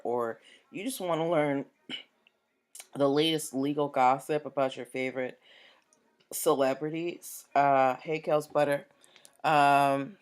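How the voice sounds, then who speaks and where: A woman's voice: low-pitched, darkish tone. A woman hosting a live-streamed show about business and legal topics, chatty and upbeat, talking straight to viewers, with the hiccups. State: has the hiccups. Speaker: host.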